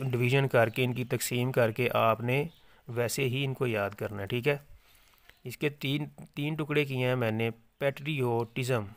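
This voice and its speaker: A man teaching an English spelling lesson, slowly repeating each word and spelling it letter by letter. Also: mid-range voice, a bit bright, no room sound. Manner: slow, repetitive dictation, repeating each word several times.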